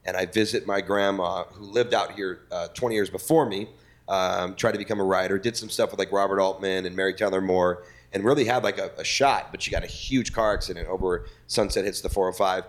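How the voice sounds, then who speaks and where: Comedian guest, low-pitched man, animated profane storyteller. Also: brisk. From Missouri, US. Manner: animated, profane, mimics people and sings along. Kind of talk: casual storytelling chat.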